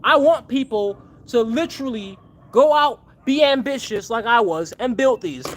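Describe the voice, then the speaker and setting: With a very high, somewhat bright voice, lively intonation, and a moderate pace, a man runs a casual livestream. The host, a machine builder, fervently rallies his audience and sincerely thanks each donor by name.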